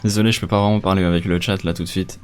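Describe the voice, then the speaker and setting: A man's voice: low-pitched, fairly even intonation, very fast. A man from France, a streamer chatting casually and somewhat distractedly with his viewers while he speedruns a game, often poking fun at himself. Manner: chatty, distracted, self-mocking. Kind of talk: casual commentary while playing.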